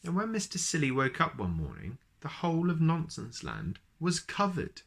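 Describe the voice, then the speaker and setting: A man reading children's storybooks aloud as host, expressive and speaking directly to young listeners. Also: a little high, normal speed, gravelly, slight background noise.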